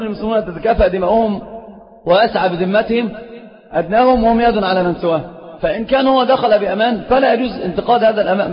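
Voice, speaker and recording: Egyptian male sheikh, quick and high, emphatic lecture, lo-fi echoey hall recording. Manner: emphatic, rising to forceful stress on key points. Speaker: sheikh teaching a religious lesson. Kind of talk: religious lecture.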